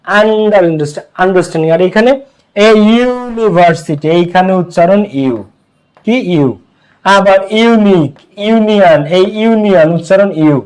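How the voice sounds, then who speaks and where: A man's voice: sits high, clear, resonant tone, poor audio. A man teaching an online English grammar class, drilling students with repeated questions and mixing Bengali explanation with English examples.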